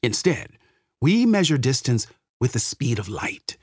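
A man reads in a measured space documentary manner, his voice slightly rough-edged and widely varied in pitch. His phrasing is deliberate and dramatic, swelling and falling with emphasis. The sound is dry and close. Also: big pitch swings, darkish tone, no room sound. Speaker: audiobook narrator.

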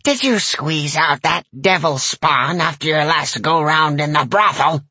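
A man's voice: fairly high pitch, a little slow, pushed and bright, no echo, pitched above the performer's own voice, full character voice. A man voicing a crabby, foul-mouthed old woman who runs a shop, sneering and cackling.

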